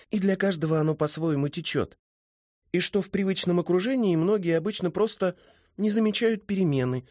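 A man voicing a chatty young village woman in a storybook, quick and cheerful, with a raised pitch that bounces around a lot. The sound is dry and close. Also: a little mellow, dry recording.

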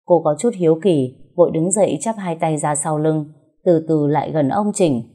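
A woman with a low, mellow voice tells a dramatic story. Her delivery is calm and measured, with a slightly husky edge. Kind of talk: scripted story narration.

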